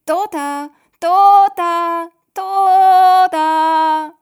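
A woman voicing a worried father searching for his sister, shifting between loud calls and hushed questions. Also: mid-range voice, brisk, husky, soft background music, natural voice. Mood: calling. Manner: calls out loudly, then whispers anxious questions.

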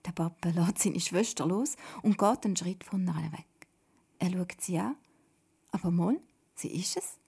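Softly whispering woman storyteller. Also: fairly low pitch, unhurried. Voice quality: breathy whisper.

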